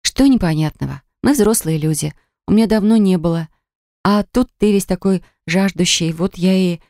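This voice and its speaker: A woman reading an audiobook voices a proud, quick-tempered young woman who talks sharply and indignantly. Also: on the low side, warm tone, no echo, studio quality, lightly acted.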